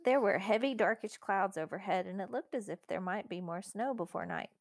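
A woman reading a children's storybook aloud as the narrator, clear and measured. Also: mid-range voice, dry recording, clean studio sound. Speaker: audiobook narrator.

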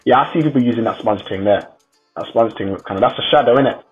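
A man's voice: mid-range voice, quick pace, husky. A young man with a London roadman accent and slangy delivery, giving casual, joking commentary as a voice-over. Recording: slightly muffled, music behind.

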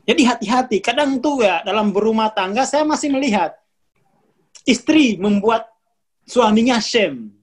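A speaker giving a relaxed spoken lecture on spiritual consciousness, repeating warnings and laughing between points. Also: medium pitch, normal speed.

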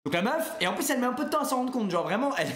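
A young man tells a story to his viewers, animated and full of fillers. His voice sits fairly high. The recording has a noticeable room echo. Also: very fast. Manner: animated, lively anecdote with frequent fillers. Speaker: streamer.

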